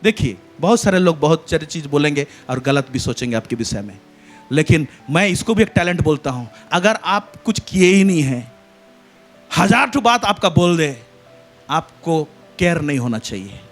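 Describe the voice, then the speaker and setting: A man preaches a church sermon in a high, animated voice that leaps and falls. He breaks into loud emphatic calls and hallelujahs, with faint music playing beneath. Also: normal speed. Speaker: pastor. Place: church service.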